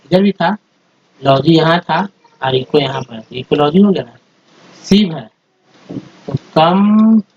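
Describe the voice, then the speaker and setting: A man's voice: on the high side, lively intonation, unhurried, pauses often, darkish tone. A man teaching English phonics, sounding out word parts one at a time and then joining them into whole words. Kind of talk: spoken phonics lesson over slides. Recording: dull lo-fi recording.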